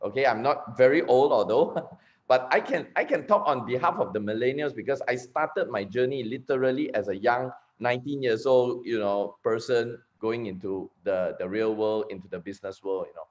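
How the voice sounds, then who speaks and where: A man's voice: mid-range voice, normal speed. Malaysian man giving a chatty talk. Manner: chatty, repeats and restarts words. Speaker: network marketing speaker. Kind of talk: recorded conference talk. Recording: slightly dull lo-fi recording.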